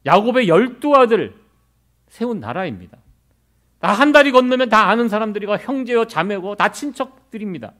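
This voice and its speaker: A man's voice: sits high, very animated, moderate pace, a bit bright. A middle-aged man from Korea, preaching a sermon as pastor in a conversational way, with many rhetorical questions to the congregation.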